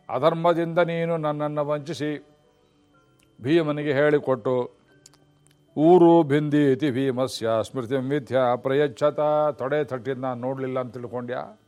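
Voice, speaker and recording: Man doing a dying bitter warrior king, reproachful, chanted Sanskrit verses, mid-pitched. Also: a little mellow, smooth, close to an everyday voice.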